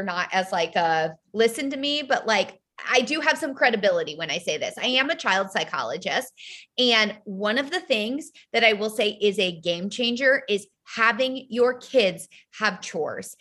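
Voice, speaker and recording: Female podcast co-host, bright tone, casual chatty delivery. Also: medium pitch, animated, normal speed. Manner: chatty, lots of filler "like".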